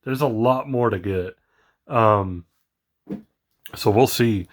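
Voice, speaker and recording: A man talks casually in a slightly low voice, full of ums and uhs as he rambles. He sounds excited but tired, as if it is late at night. The delivery is loose and unscripted, like a hobby vlog. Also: takes it slowly. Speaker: toy collector vlogger.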